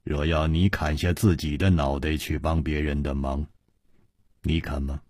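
A man voicing an easygoing, wry gallant hero who speaks low and measured. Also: fairly even intonation, darkish tone, no room sound, clean studio sound. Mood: wry calm.

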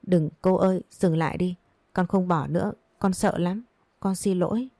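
A timid young woman pleads and apologizes in a low, warm voice, as a woman narrator puts her on. She sounds polite and fearful. The sound is dry and close. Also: steady tone, normal speed, no room sound, natural voice. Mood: pleading.

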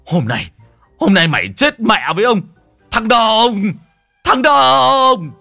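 A man voicing a big, furious old man who shouts curses. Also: high-pitched, big pitch swings, slow pace, vocal fry, dry recording, soft background music, pitched above the performer's own voice, full character voice.

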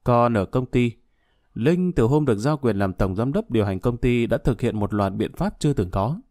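Male audiobook narrator, even delivery, mellow tone, dry close recording. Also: medium pitch, moderate pace, no room sound.

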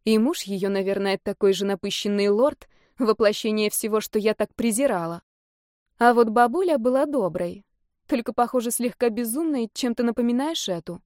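A woman narrating a first-person fantasy novel in a steady, measured way. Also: a little high, no room sound, studio quality. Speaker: audiobook narrator.

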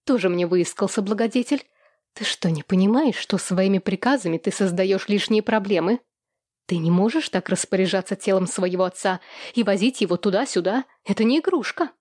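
A woman's voice: fairly quick, no room sound, studio quality, close to an everyday voice. A woman reading an audiobook, voicing a spiteful, haughty young woman who hisses and sneers. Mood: indignant. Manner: shrill, sneering and shouting.

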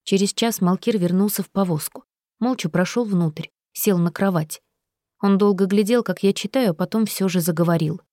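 A woman reading first-person audiobook narration in an even, steady storytelling manner. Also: mid-range voice, moderate pace, dry recording, clean studio sound.

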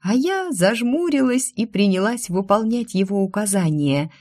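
A woman narrating a first-person fantasy story in a lively, wry, expressive way. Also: mid-range voice, normal speed, dry recording, studio quality. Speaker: audiobook narrator.

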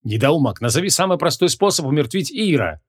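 A man's voice: a little high, big pitch swings, brisk, husky, pitched above the performer's own voice. A man reading the part of a stern, short-tempered male archmage in an audiobook, with commanding, curt questions.

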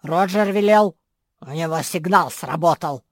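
A woman voicing a gloating male dragon with a hoarse voice in a storybook reading. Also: on the low side, a little slow, no echo, studio quality.

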